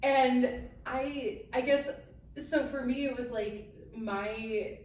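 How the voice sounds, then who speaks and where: A woman co-hosting a casual chat show tells a story with animated delivery, acting out quotes and laughing between them. Her voice sits at a middle pitch. The mic is set back in a roomy space, with a faint hiss behind her. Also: takes it slowly, distant mic. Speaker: podcast co-host.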